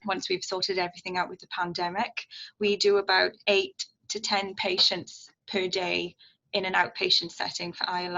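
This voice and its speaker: A woman presents over a video call, explaining her hospital's device service in a fluent, upbeat way. Her voice is bright and forward. The sound is dull and lo-fi, as in a screen recording of an online meeting. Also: on the low side. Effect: video-call audio captured in a screen recording. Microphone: computer mic on a video call.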